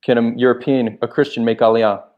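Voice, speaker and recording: A man hosting a live call-in debate, calm and measured, patiently trying to make his point. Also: mid-range voice, lo-fi sound. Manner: calm, measured, repeatedly tries to get a word in. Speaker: host.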